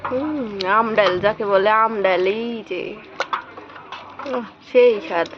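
A chatty woman vlogger, speaking Pabna Bengali dialect, gives viewers a casual tour of her picnic cooking at home and addresses them directly. She talks slowly in a fairly high voice, though the audio is dull and the background noisy.

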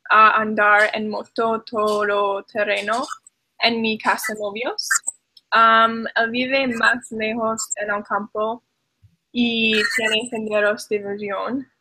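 Slow, bright young woman learner. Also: fairly high pitch, poor audio. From Minnesota, USA. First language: English. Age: young adult. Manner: halting, many "um" pauses. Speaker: Spanish student. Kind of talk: scripted class oral exchange. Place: small room indoors. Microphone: webcam at desk.

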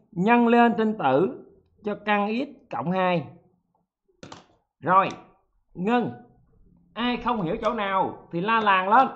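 A male math teacher leading an exam-prep lesson, lively and joking, checking in with students often. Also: sits high, dull audio.

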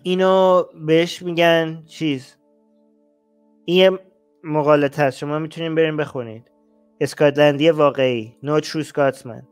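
A man's voice: a little high, steady tone, smooth, faint music behind. A man hosting a reaction commentary on clips, blunt and exasperated, his voice rising as he gets heated. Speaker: host.

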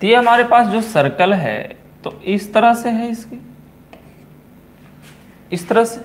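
A man with a Bihari accent teaching physics in a coaching classroom, repeating key terms slowly and asking and answering his own questions. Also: very high-pitched, expressive. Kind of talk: classroom lecture at a board.

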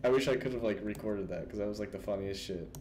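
A young man hosting a gaming video chats casually about a game, rambling with plenty of fillers and frequent laughter. His voice is fairly low and quick, with a noisy background.

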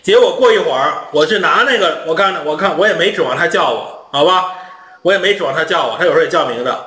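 A male host, from China, telling funny anecdotes in a casual, animated vlog style. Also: on the high side, fast talker, reverberant. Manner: chatty, animated, humorous anecdotes. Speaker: international education channel host.

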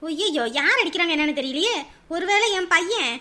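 Lady doing a nosy mother-in-law, fast and high, muttering to herself. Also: lively intonation, sharp tone, full character voice. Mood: puzzled. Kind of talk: dramatic story voice acting.

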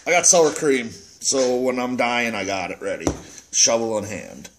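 A man's voice: medium pitch, measured pace, background noise. A middle-aged man vlogging in casual chat, grumbling and swearing, laughing often.

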